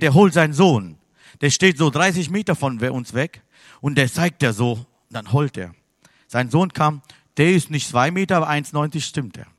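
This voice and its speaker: A man from Sri Lanka preaching a sermon in with grammar slips, telling a story, then turning loud and emphatic. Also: on the high side, no echo, studio quality. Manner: non-native German with grammar slips.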